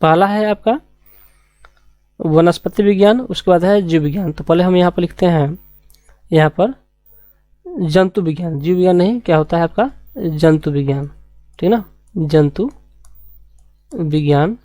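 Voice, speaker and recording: Woman teacher going over science basics, lowish mellow voice, dry close sound, keeps repeating words and asking questions. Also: dry recording. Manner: repeats key terms slowly, asks rhetorical questions. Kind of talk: classroom lecture.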